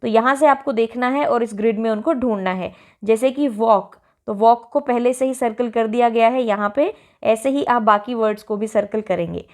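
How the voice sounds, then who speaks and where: A woman teacher with an Indian English accent, explaining a school textbook lesson and reading example sentences slowly and clearly. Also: a little high.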